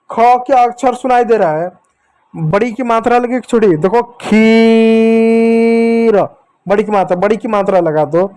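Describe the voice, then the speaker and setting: A man teaching children to read, slowly sounding out letters and syllables and coaxing them to repeat after him. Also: high voice, a little mellow. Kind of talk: children's reading lesson.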